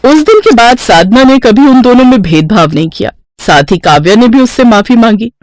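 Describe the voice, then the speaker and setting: A woman's voice: a little high, animated, normal speed, darkish tone, no room sound, clean studio sound. A woman narrating a moral story in a scripted storybook style, voicing the characters expressively.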